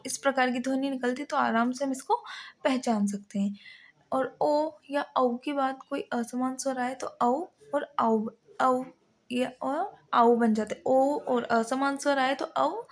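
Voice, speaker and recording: A woman teaching a Hindi grammar lesson, patiently breaking words into their parts one piece at a time. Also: high-pitched. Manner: slow, patient, spelling out word parts one by one.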